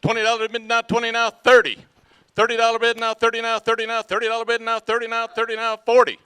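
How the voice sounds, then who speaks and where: A man's voice: very high voice, monotone, quick pace, sharp tone, smooth. An older man from North Dakota, a student auctioneer calling bids at a live auction in a rhythmic, repetitive chant. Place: live auction event before an audience.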